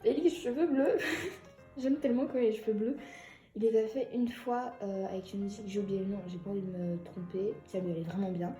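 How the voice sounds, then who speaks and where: A young woman chatting excitedly and giggling as she unboxes an album for her vlog. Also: medium pitch, fairly quick, roomy sound, faint music behind.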